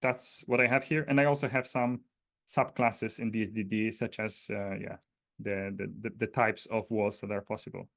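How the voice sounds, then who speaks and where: With a lowish, steady and fairly bright voice at a normal speed, a Polish-accented man from Poland walks through a data dictionary informally. His technical explanation comes across as hesitant.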